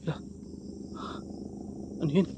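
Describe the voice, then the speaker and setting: A man vlogging a ghost hunt outdoors, swinging between hushed narration to viewers and loud shouted challenges, out of breath. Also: slow, noisy background. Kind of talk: night ghost-hunting vlog commentary. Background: crickets and insects.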